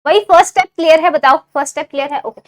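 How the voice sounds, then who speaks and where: A high-pitched woman runs an online chemistry lecture for exam students. She switches between Hindi and English in the same sentence. She keeps stopping to quiz her viewers and asks whether each step is clear. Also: rapid-fire. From India. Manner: mixes Hindi with English phrases. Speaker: chemistry teacher.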